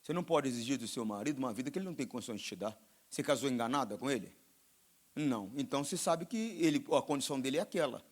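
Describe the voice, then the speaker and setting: A man with a Brazilian Portuguese accent preaching a sermon as pastor, swinging between loud exhortation and quiet, confiding asides. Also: medium pitch, animated, racing.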